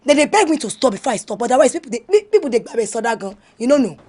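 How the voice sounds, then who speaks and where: A woman's voice: a little high, racing, husky. A woman with a Nigerian accent playing a brash, boastful student and would-be singer in slangy film banter. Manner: boastful, animated slangy talk with repeated words. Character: brash, boastful young female student, aspiring campus singer.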